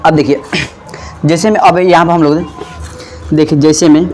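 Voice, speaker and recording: Over soft background music, a man teaches grammar in a slightly high, darkish voice with a steady tone. He asks questions, supplies his own answers, and stretches words out while writing on the board; the recording is rough.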